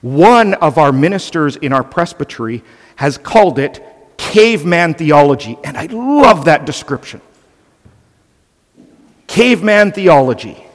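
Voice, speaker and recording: A man's voice: on the high side, sing-song, moderate pace, long reverb tail. A male pastor delivering an earnest, emphatic sermon, often restarting his phrases.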